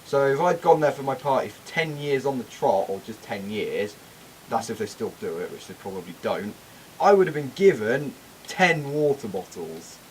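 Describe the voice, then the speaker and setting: Chatty young man, lively pitch. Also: slight background noise, low-quality recording. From England. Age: young adult. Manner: chatty, reminiscing, quick asides. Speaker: gameplay commentator. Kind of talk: casual chat over gameplay.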